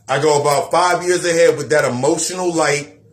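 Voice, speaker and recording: A fairly high-pitched man talks fairly quickly through a preachy, crude spiritual self-help rant. He addresses the listener directly and repeats phrases again and again.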